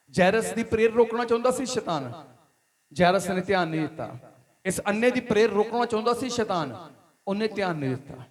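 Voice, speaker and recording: Punjabi-accented male pastor, very high voice, emphatic repetitive sermon delivery. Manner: preaching with rising emphatic questions and repetition. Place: church hall.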